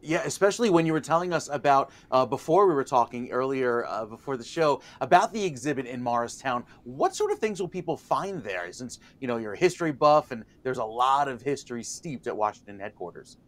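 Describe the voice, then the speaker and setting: A man's voice: medium pitch, very animated, a little fast, few pauses. A man co-hosting a morning TV show, asking a guest questions in a friendly way. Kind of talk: interview questions.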